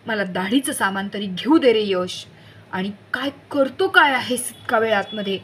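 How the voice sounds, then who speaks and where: A woman's voice: mid-range voice, animated, moderate pace, fairly bright tone, slight background noise, lightly acted. A woman reading a storybook, voicing a father who impatiently scolds his son for hogging the bathroom.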